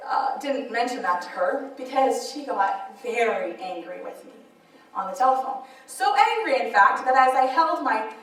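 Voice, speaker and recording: A woman speaker sharing a personal testimony in an animated, laughing storytelling manner. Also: a little high, normal speed. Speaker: author and speaker. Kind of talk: personal testimony at a church event. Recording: echoey hall, mic far off.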